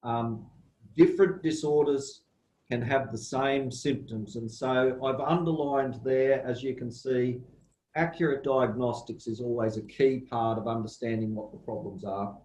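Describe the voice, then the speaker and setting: A man with an Australian accent giving a slow, measured guest lecture over a video call, pausing often with ums. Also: mid-range voice, steady tone, a little mellow, roomy sound, poor audio. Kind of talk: online academic lecture.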